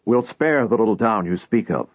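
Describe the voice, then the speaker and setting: A man playing a stern stranger who gives blunt orders, low and husky. The sound is thin and phone-like, dry and close. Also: animated, moderate pace, no room sound. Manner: blunt, firm. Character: stern, commanding male stranger. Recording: tinny phone-like dry recording.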